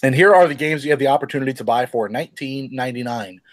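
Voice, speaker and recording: A man's voice: mid-range voice, fast, no room sound. Male podcast host, loose and profane, dry close recording. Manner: swears often, loose and rambling. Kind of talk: casual gaming news chat.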